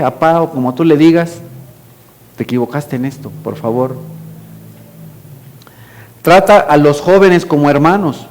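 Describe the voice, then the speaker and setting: A middle-aged pastor with a Mexican Spanish accent and a voice on the high side delivers a sermon in a conversational style, lowering to a hush whenever he quotes lines.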